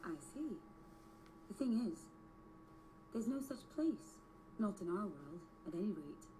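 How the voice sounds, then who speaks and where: A woman voicing a calm, curious young guide in a video game, matter-of-fact and probing. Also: medium pitch, a little slow, a little hiss or hum, poor audio. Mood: puzzled.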